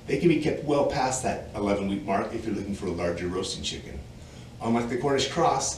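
A man in his forties delivers a clear, informative farm explainer as the show's host. He sounds a little distant from the mic, with noticeable room reverberation, and a faint outdoor ambience sits underneath. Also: mid-range voice, slight background noise. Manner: clear, informative and matter-of-fact. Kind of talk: scripted explainer to camera. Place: outdoors in front of a wooden barn door.

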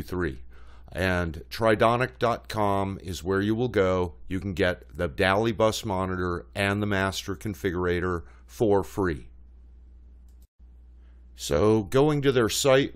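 A man narrates a screen-recorded tutorial in a low, unhurried voice. His tone is smooth and clear, and he talks plainly, pausing with fillers as he clicks through a website. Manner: plainspoken, hesitant with frequent uh fillers. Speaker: channel host.

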